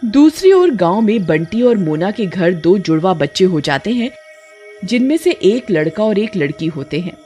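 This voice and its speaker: A woman's voice: mid-range voice, big pitch swings, moderate pace, warm tone, soft background music. Woman narrating a cartoon story. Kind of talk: scripted narration.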